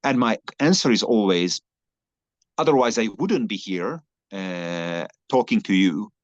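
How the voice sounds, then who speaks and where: Hungarian man, non-native english, earnest, halting restarts, lowish voice, dry dull sound. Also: expressive, no echo. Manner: earnest, many restarts and fillers. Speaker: guest, long-distance cyclist. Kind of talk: conversational interview.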